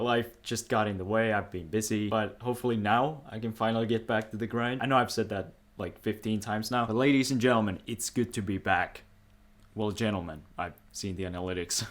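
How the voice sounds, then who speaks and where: Low-voiced joking gaming host. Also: male voice. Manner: joking, self-mocking asides. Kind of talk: casual video commentary.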